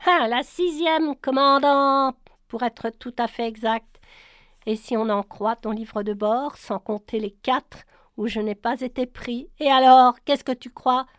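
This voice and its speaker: A woman reading the part of a tall, belligerent young crewman in a storybook, loud and insolent. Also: on the high side, measured pace, clean tone, dry recording, studio quality. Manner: shouting, insolent.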